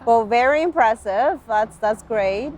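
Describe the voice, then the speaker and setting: A woman's voice: on the high side, animated, measured pace, noisy background. Upbeat woman interview host. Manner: upbeat, switches languages. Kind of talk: friendly interview.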